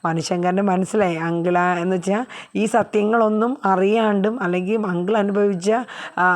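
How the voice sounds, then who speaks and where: A woman casually retelling a TV serial episode, in a chatty way with frequent filler sounds. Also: mid-range voice. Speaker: TV serial reviewer.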